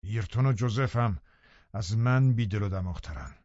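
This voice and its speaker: A man's voice: lowish voice, dry recording, close to an everyday voice. A man voicing a scheming brooding landowner, dry and dull. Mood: grim low. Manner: menacing, then loudly pleading. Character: scheming brooding middle-aged male landowner.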